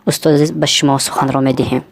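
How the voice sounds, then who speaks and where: A woman with a Tajik accent hosting a language lesson, saying words slowly and then explaining what they mean. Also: rumbling low, little pitch movement, gravelly. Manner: repeats words slowly, then glosses them. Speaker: lesson host and translator.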